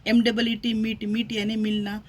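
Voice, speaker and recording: A woman's voice: on the high side, monotone, normal speed, slight background noise. A woman teaching English grammar in a classroom style, spelling words out letter by letter and asking rhetorical questions.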